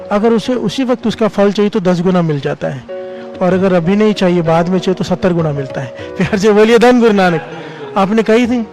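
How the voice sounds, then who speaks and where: A man preaching a devotional sermon, often calling on the congregation to respond and chanting scripture lines slowly. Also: high-pitched, darkish tone, poor audio. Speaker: Sikh preacher.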